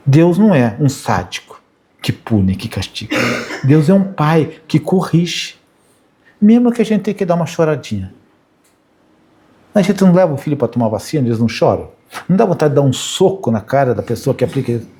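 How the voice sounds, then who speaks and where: Chatty high-voiced man. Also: very animated, a little fast, dark tone. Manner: chatty, anecdotal, frequent "né?" tags. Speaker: spiritist speaker. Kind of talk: informal spiritual talk with anecdotes.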